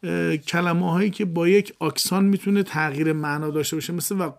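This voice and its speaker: A man's voice: a little high, steady tone, vocal fry. A man discussing recitation with his teacher, asking questions and trying words aloud. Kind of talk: lesson discussion.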